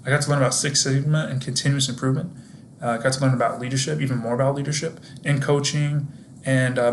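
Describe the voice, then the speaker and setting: A man's voice: medium pitch, slight background noise. A young man presenting his internship work in a scripted video, explaining things to viewers directly in an upbeat, friendly way. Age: young adult.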